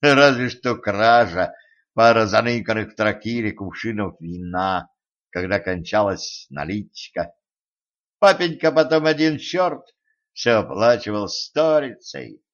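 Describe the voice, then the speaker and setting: A man narrating a comic fantasy audiobook in a playful, lively way. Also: lowish voice, measured pace. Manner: lively, playful character voicing. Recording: slightly dull lo-fi recording.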